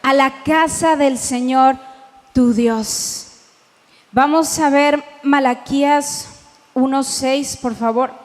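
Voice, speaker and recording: A woman pastor preaching a sermon, reading scripture slowly and with emphasis and asking the congregation questions. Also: sits high, fairly even intonation, heavy reverb, big-room sound.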